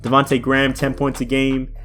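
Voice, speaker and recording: A man's voice: medium pitch, monotone, fairly quick, fairly bright tone. A young man casually commentating a basketball video game, chatty and thinking aloud, with faint music behind him. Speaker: gaming YouTuber.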